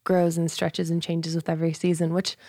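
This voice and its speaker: Sleepy woman cohosting a faith podcast, lowish voice, earnest teacher vibe. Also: monotone, fairly quick, warm tone, no echo, clean studio sound. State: sleepy early-morning voice. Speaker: podcast co-host. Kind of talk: casual faith podcast chat.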